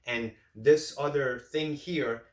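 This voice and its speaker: A man's voice: mid-range voice, slow pace, roomy sound. A man in his late thirties giving casual fitness advice straight to camera, rambling and often restarting his sentences. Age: late 30s. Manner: rambling, repeats and restarts phrases. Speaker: fitness vlogger.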